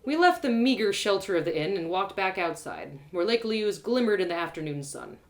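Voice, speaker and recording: Performing her own audio drama live, a woman with a mid-range voice reads a little fast and with lots of expression. She keeps cracking up at lines she wrote herself.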